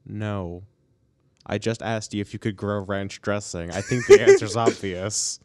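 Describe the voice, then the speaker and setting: A man playing a tabletop game, speaking with dry, deadpan sarcasm. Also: fairly low pitch, unhurried, no room sound. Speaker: player. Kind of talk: in-character tabletop role-play.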